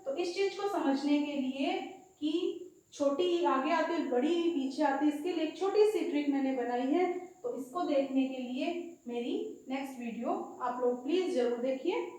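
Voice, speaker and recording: A woman teacher giving a patient lesson, slowly explaining and repeating example words aloud. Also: sits high, mellow. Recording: very echoey room.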